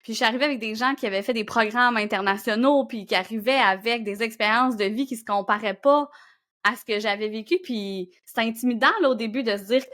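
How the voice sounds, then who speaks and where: Woman podcast host from Gaspésie, raised pitch, warm, engaged interviewer. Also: a little fast. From Gaspésie, Quebec.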